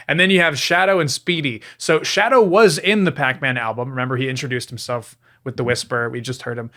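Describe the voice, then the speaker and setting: A man's voice: fairly high pitch, fairly bright tone. A man hosting a comedic review, with sarcastic, exasperated asides. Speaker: reviewer, video host.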